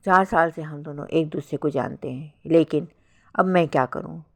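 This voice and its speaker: Brief: woman narrator voicing a heartbroken young woman in a spoken story, pleading through tears, pitched low. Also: normal speed. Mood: tearful. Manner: pleading, crying. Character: tearful young woman pining for lost love.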